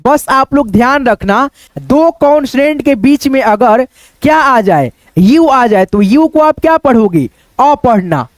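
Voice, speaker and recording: In a spoken English lesson, a man explains pronunciation rules, posing questions and answering them himself while repeating phrases often. He talks to viewers as if they were friends. His voice is very high with lively intonation and an unhurried pace, and the recording is dry.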